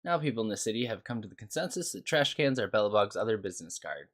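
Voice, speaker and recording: A man's voice: lowish voice, animated, fast talker, fairly bright tone. A man reading aloud the lines of a chatty city resident who explains local matters.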